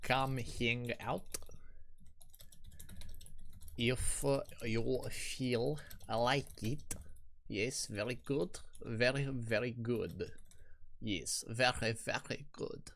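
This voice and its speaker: A man putting on a silly accent to play a fussy, mumbling man who keeps quietly approving of himself. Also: mid-range voice, extremely slow, gravelly, pauses often, slight background noise, exaggerated voice. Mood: smug muttering. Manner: murmured, repetitive self-approval.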